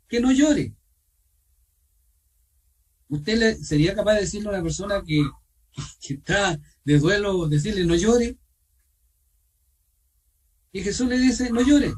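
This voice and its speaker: High-voiced Chilean man leading online Bible study. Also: slightly rough, distant mic, rough recording. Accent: Chilean Spanish. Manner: asks questions of the group, repeats himself, pauses with fillers. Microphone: video call.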